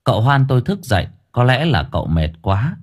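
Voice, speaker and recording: A man narrating a first-person audiobook story in a dramatic, lively way. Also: mid-range voice, brisk.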